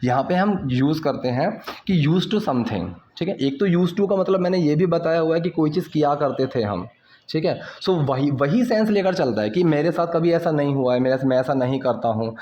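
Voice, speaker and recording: Indian man teaching English phrases slowly. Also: on the high side, lively intonation, warm tone, a little hiss or hum. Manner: often checks "ठीक है?", slowly spells out English phrases. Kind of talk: casual explanatory lesson.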